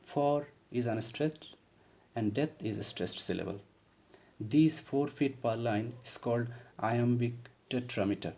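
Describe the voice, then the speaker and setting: Speaking in a creaky, darkish, medium-pitched voice, a literature lecturer unhurriedly explains a poem's terms step by step. It's a recorded lesson delivered methodically.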